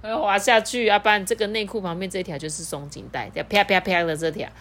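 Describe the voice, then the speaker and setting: Mother in her thirties, reads kids' stories playfully, mid pitch, asks the child along. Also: fast, fairly bright tone. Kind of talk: children's story reading.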